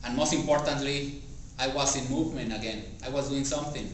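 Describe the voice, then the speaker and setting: This practice speech comes from a club member who isn't a native English speaker, addressing a small group indoors in a meeting room about something personal and motivational. His medium-pitched voice moves haltingly, with deliberate gaps between phrases. Recorded at a distance by a camera or room mic, the sound echoes heavily and carries faint noise.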